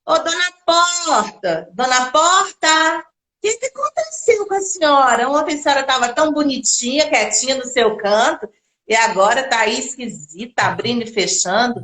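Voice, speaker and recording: A woman's voice: sits high, expressive, moderate pace, bright, forceful tone. A woman voicing a motherly talking orange tree in a children's folktale, with a storytelling lilt and an echoey room.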